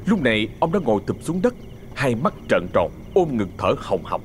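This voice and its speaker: A man's voice: medium pitch, big pitch swings, normal speed, a little hiss or hum. Suspenseful Southern Vietnamese male storyteller. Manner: dramatic, suspenseful. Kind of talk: ghost story narration.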